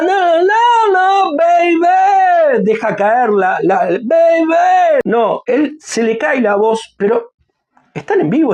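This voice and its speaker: A man's voice: high-pitched, darkish tone, slightly rough. A man with an Argentine Spanish accent, casually commenting on a music video and talking straight to his viewers. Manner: chatty, talks to viewers, hums and sings snippets. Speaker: music reaction youtuber. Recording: faint music playing behind.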